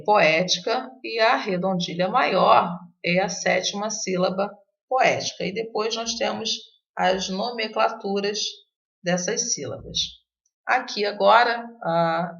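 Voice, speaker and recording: A woman's voice: mid-range voice, creaky, fairly bright tone. A woman teacher giving a recorded literature lesson, explaining patiently with many fillers and restarts. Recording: dull lo-fi recording.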